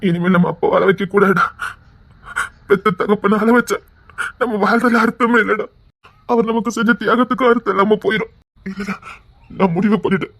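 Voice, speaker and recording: An actor playing a remorseful young son who makes earnest, emphatic vows, with a fairly high voice. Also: male voice, fairly even intonation, a little fast, pauses often, a bit bright. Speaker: actor in a television serial. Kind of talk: television drama acting.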